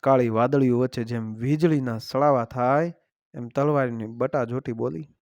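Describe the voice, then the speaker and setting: A man's voice: mid-range voice, moderate pace, darkish tone, dry recording. A man narrating a heroic folk legend in a dramatic, declamatory style, reciting verse along the way. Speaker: storyteller.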